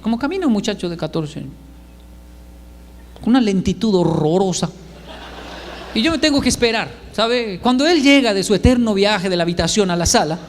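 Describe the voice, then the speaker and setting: A man's voice: sits high, long reverb tail, slight background noise. A man, telling comic stories about his sons and acting out their dialogue. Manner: animated, acts out dialogue. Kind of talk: comedic storytelling monologue.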